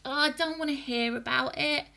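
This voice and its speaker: A woman's voice: high voice, fairly even intonation, moderate pace, gravelly, pushed and bright, voice pushed up, heavily acted. A woman doing a frightened little boy. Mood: upset. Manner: pleading, upset cries.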